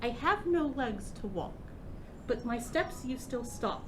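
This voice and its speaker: A menacing old hag, acted out by a woman for a tabletop fantasy game. She taunts theatrically, with lively swings of pitch. The recording is noisy and rumbles underneath. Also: measured pace. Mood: taunting. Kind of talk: tabletop game role-play.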